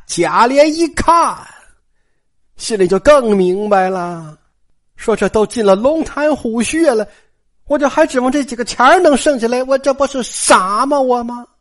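Colloquial storyteller, very expressive pitch, chatty asides. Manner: animated, colloquial, asides to listeners. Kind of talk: traditional oral storytelling.

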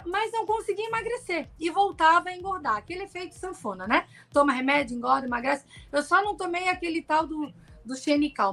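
A woman's voice: sits high, gravelly, a bit bright. A middle-aged woman telling her own story as a podcast guest, emotional and candid, often ending phrases with a questioning tag. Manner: emotional storytelling, frequent "né?" tags. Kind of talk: personal testimony in a podcast interview.

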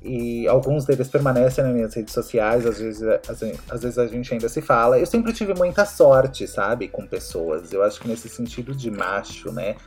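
A man with a Brazilian Portuguese accent chatting casually, animated and acting out bits of dialogue as he tells stories. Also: medium pitch, normal speed, hardly any pauses, soft background music. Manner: animated storyteller, acts out dialogue. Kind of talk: casual chat.

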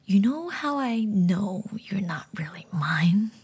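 A woman's voice: mid-range voice, lively intonation, takes it slowly, a little mellow, breathy edge, full character voice. Woman whispering as a menacing violent father. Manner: whispered, snarling.

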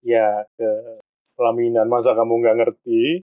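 A man's voice: mid-range voice, completely flat delivery, unhurried, no echo, close to an everyday voice. A man playing a flirtatious married doctor who dodges questions with sighs and hesitation, in an amateur skit. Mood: flirty. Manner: evasive, sighing, hesitant. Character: flirtatious married male doctor, evasive and weary. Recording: tinny phone-like lo-fi sound.

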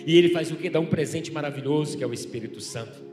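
A middle-aged man, a pastor, preaching a sermon with passion, swinging between loud and soft. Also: fairly high pitch, quick pace. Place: church. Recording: echoey church hall with music.

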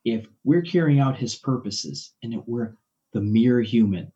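A man's voice: mid-range voice, expressive, measured pace, dark tone, muffled recording. A man in his forties talking about faith in a casual conversation, enthusiastic and preacherly, often repeating words as he builds a point. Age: 40s.

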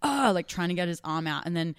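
A woman's voice: fairly low pitch, quick pace, clear, resonant tone, dry recording, clean studio sound. A woman co-hosting a casual radio chat, telling stories with lots of laughter. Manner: laughing, animated storytelling. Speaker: co-host.

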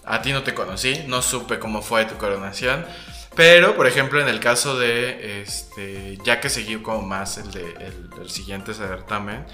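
A man's voice: lowish voice, moderate pace, sharp tone, faint music behind. Chatty Mexican man in a roomy space. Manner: chatty, full of fillers, acts out quotes. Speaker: interviewer. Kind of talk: casual conversational interview. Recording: roomy echo.

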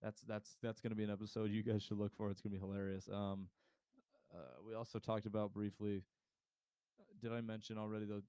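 Chatty young man, low smooth voice. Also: little pitch movement, a little fast, warm tone, no room sound. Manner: rambling, laughs often, restarts. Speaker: podcast co-host. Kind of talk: casual podcast chat.

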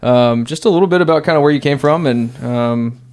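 A man's voice: medium pitch, brisk, a little mellow. A man hosting a casual podcast interview, laid-back and rambling with many fillers. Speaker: podcast host.

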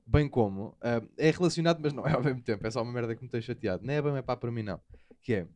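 A man's voice: mid-range voice, expressive, very fast, a little mellow. A man hosting a casual podcast, rambling, swearing and laughing often.

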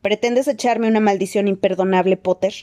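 A woman's voice: medium pitch, fairly even intonation, brisk, mellow, close to an everyday voice. A woman voicing a scornful, stern male professor in an audiobook, speaking in a taunting, sneering way.

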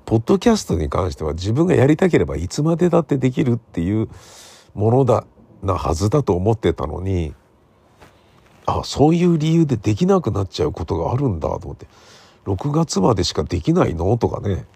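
There's no room sound on this smartphone recording of a middle-aged man, a radio drama writer who hosts a podcast, delivering a casual solo monologue. His low, creaky voice carries a husky edge, and he speaks in a very animated, brisk way. He rambles like he's chatting, softly checking in with listeners and seeking agreement at the ends of his sentences.

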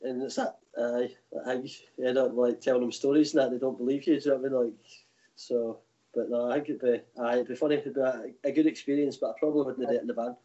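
A Scottish man chats casually in a broad Glasgow accent, rambling through anecdotes in everyday slang. His voice is medium in pitch, with a slightly muffled, lo-fi sound. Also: fairly even intonation, fast, dark tone. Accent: broad Glaswegian Scottish. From Glasgow area, Scotland. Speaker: guest, tour operator. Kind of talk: casual chat.

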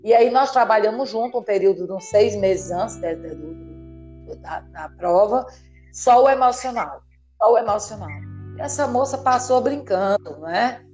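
Brief: emphatic Brazilian woman therapist in interview, animated explainer, faint music underneath. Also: mid-range voice, normal speed. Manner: animated, emphatic, asks listener "entendeu?" often. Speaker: therapist guest.

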